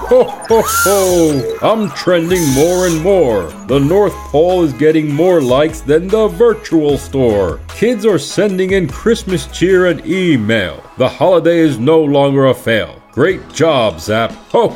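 A man's voice: on the high side, very animated, slow pace, few pauses, a little mellow, faint music behind. A man voicing a jolly old Santa in a children's cartoon, laughing heartily.

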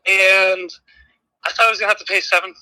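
Caller on speakerphone: man, high-pitched, laughing rambler. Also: level tone, a little fast, pushed and bright, poor audio. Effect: heard over a phone on speakerphone. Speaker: caller, friend of the hosts. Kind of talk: casual chat.

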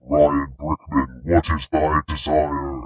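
Possessed, extremely deep demonic voice. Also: male voice, level tone, dry recording, exaggerated voice. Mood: ominous, commanding. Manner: possessed, slow ominous drawn-out summons. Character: possessing male demonic voice haunting a man's mind.

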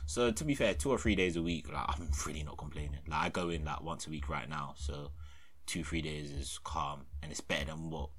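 Young adult male, London roadman accent. Low, forceful tone, animated, slangy casual banter. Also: a little fast. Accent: London, roadman slang style. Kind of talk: casual banter between friends.

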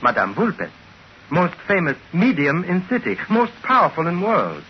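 A man's voice: high-pitched, moderate pace. An actor playing a sly, obsequious male trinket dealer in a 1940s radio drama, speaking in broken, overly polite phrases. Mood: fawning. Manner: fawning, excitable, broken formal speech. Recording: dull old radio broadcast with faint hiss.

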